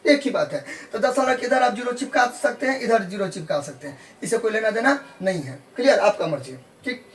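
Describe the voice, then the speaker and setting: A maths teacher with a voice that sits high works through a decimal addition problem, sounding far from the mic with a little hiss or hum. He patiently repeats each step and keeps asking "clear?" to make sure students follow.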